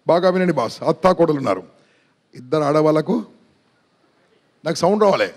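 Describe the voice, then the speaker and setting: A middle-aged man giving a motivational seminar talk, energetic, quizzing the audience and mixing in English phrases. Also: sits high. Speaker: motivational speaker.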